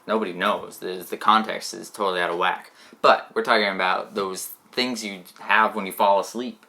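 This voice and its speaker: A man's voice: fairly low pitch, steady tone, moderate pace, vocal fry, sharp tone. A man co-hosting a casual chat show, joking and rambling as he teases his co-host.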